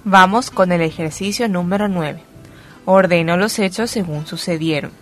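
A woman teacher explaining a grammar lesson slowly and emphatically. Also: fairly low pitch, soft background music. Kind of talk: recorded classroom lesson.

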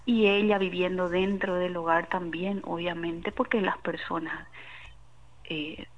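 A woman doctor answering interview questions in a measured, explanatory way, often checking in with tag questions. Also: lowish voice, steady tone, lo-fi sound.

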